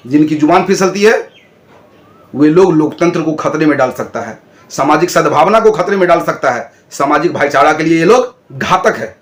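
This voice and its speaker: A man hosting his own channel, giving indignant political commentary and lecturing viewers with rhetorical questions. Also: fairly high pitch. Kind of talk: talking to camera, political commentary.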